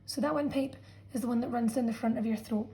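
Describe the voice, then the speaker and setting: Woman, science teacher, revision lesson, mellow tone, fairly high voice, patient explaining. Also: steady tone, fast talker, rough recording. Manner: patient, explanatory, checks in with "okay". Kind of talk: revision lesson narration over a drawn diagram.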